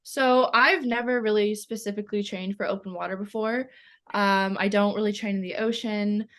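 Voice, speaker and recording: A woman's voice: medium pitch, steady tone, moderate pace, a bit bright. A teenage girl from Canada, an athlete answering interview questions in a chatty way, with lots of ums and likes. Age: teens. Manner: chatty, many ums and likes, laughs often. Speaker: swimmer interviewee.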